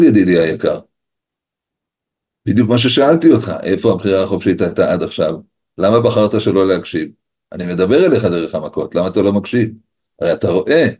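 A man's voice: low voice, darkish tone, slightly rough. A man, a rabbi, giving a Torah lesson over a video call, arguing by asking and answering his own questions. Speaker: rabbi teaching a class. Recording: dull lo-fi video call audio.

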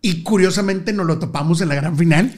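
A middle-aged man with a northern Mexican Monterrey accent, pitched a little high for a man. He tells stories to an interviewer in a lively, slangy way that breaks into laughter easily. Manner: animated, slangy, quick to laugh. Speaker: interview guest. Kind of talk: casual storytelling interview.

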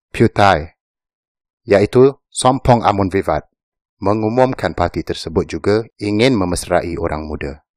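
A man reading an opinion essay aloud in a measured, serious narration. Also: low voice, dry recording, clean studio sound. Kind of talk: scripted narration.

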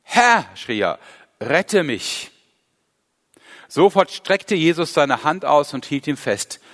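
A man's voice: on the high side, big pitch swings, a little slow, big-room sound. A man preaching a sermon, retelling a Bible scene with earnest emphasis. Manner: earnest, storytelling with rising emphasis.

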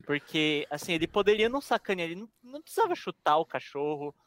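A man's voice: fairly high pitch, big pitch swings, quick pace, fairly bright tone. A young Brazilian man on a podcast panel, teasing and emphatic in casual chat. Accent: Brazilian Portuguese.

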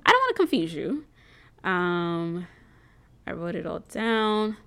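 A woman's voice: lowish voice, very animated, slow, a bit bright, clean tone. A woman hosting a faith and business group, talking casually and earnestly to her viewers, rambling a little with many ums and restarts. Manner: preacherly and earnest.

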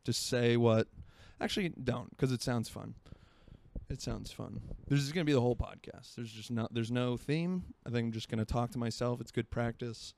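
Rambling self-mocking young man, mellow voice. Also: mid-range voice, normal speed, vocal fry. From Florida. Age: 20s. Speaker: podcast host. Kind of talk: solo casual podcast chat. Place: home by a marina.

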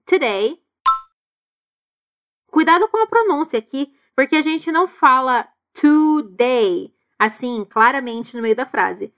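A Brazilian woman with a high, light voice leads an English lesson at an unhurried pace. She carefully sounds out each English phrase for students to repeat, then explains it in Portuguese. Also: a bit bright, clear, resonant tone. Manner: slow, deliberate modeling of English phrases. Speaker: English teacher. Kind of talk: language lesson with repeat-after-me drills.

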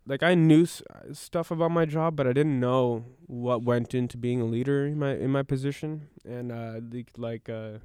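A man's voice: medium pitch, steady tone, moderate pace, hardly any pauses, mellow, clean tone, no echo, studio quality. A young man from suburban Washington chatting casually as a podcast co-host, rambling and informal. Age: young adult. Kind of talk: casual chat.

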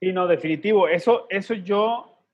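A man's voice: sits high, moderate pace, slightly rough, dull audio. A man, co-hosting a faith podcast and telling personal stories earnestly with slangy asides. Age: 30s. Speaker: podcast co-host. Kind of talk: casual faith podcast conversation.

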